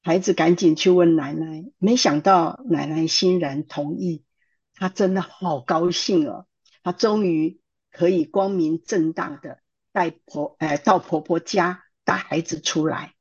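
Husky low-voiced woman telling a testimony. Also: measured pace. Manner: lively storytelling with fillers and acted quotes. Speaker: church counselor telling a testimony. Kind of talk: sermon storytelling. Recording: dull lo-fi recording.

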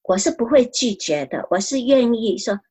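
Woman telling her faith testimony, earnest, repeats herself a lot, kinda high breathy voice. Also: lively intonation, normal speed, dark tone. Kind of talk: spoken personal testimony.

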